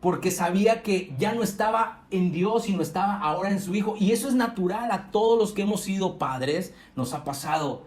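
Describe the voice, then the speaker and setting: Earnest high-voiced preaching man. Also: animated, a little mellow. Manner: earnest, rises and slows for emphasis, frequent self-corrections. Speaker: youth pastor. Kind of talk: sermon. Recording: echoey room.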